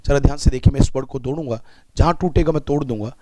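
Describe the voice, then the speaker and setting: A man's voice: medium pitch, quick pace, mellow, dry recording. A man with an Indian accent teaching English vocabulary. He breaks words into parts and asks students to repeat after him. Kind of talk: vocabulary lesson.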